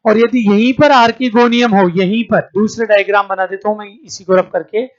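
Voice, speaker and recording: A man's voice: high-pitched, fairly even intonation, a little fast, lo-fi sound. A man teaching an exam-prep lecture, who asks the class each question and then answers it, calling his students "beta" and checking in with "theek hai". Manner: calls students 'beta', checks understanding with 'theek hai'.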